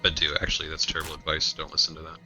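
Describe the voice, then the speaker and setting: A man's voice: a bass voice, completely flat delivery, very fast, pushed and bright. A man streaming a video game, tossing out sarcastic, joking asides as he plays. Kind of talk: casual gameplay commentary. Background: game music.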